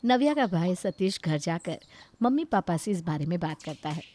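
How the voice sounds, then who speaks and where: A woman narrating a cartoon story in a calm, even manner. Her voice is low and mellow, suited to bedtime storytelling. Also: moderate pace.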